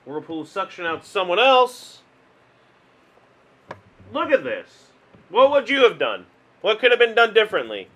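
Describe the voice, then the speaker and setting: Male card game host, high voice, casual exasperated play-by-play with self-deprecating laughs. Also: very animated, a little slow, long pauses, fairly bright tone. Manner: chatty, exasperated, self-mocking; hums and sighs, laughs at himself. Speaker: gaming video host.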